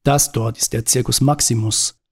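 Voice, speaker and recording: A man reading a novel aloud in calm, measured narration. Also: medium pitch, breathy edge. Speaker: audiobook reader. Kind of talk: scripted narration.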